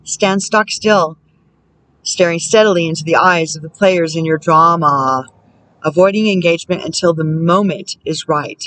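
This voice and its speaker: A woman working as a spiritual counselor, reading oracle card texts aloud in a measured way and breaking off now and then to muse and comment to herself. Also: sits low, a bit bright, poor audio. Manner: measured reading broken by musing, self-amused comments.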